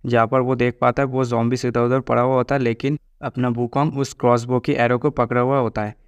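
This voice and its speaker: A man narrating a story recap in a steady, even storytelling manner. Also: mid-range voice, a little fast, clean tone, dry recording, highs cut off. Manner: flat, steady storytelling with quoted lines read plainly.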